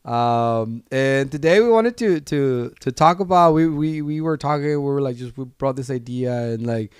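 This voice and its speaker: A man co-hosting a casual collectibles chat show, talking in halting starts, repeating words and laughing easily. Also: medium pitch, lively intonation, clear, resonant tone, dry recording, studio quality. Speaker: podcast co-host.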